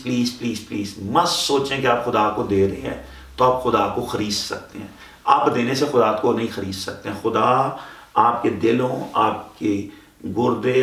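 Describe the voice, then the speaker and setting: A man's voice: medium pitch, a bit bright. A man preaching as a pastor, reading scripture and repeating words with emphasis, mixing English phrases into his sermon. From Pakistan. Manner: preaching in Urdu-Hindi mixed with English phrases. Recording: echoey room, voice heard from a distance.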